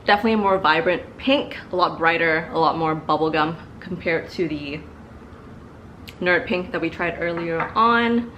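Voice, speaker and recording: A woman in her twenties, a beauty vlogger, reviews makeup in a relaxed, chatty manner, leaning on fillers and repeated words, from her living room seat in front of a couch. Allergies leave her slightly stuffy. She speaks at normal speed in a lowish, fairly bright voice over slight background noise.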